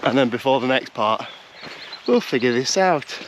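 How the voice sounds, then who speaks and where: A man in his thirties, his voice congested and bunged-up, chats casually to an action camera on a countryside walk, rambling with restarts and poking fun at himself. His medium-pitched voice is expressive at a normal speed, with slight background noise.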